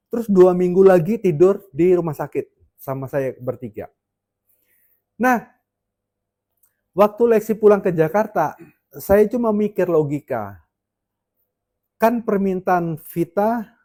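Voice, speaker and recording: Middle-aged guy telling his church testimony, kinda high but mellow voice, lots of uh's and restarts. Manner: conversational storytelling with frequent fillers and restarts. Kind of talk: personal testimony to a congregation.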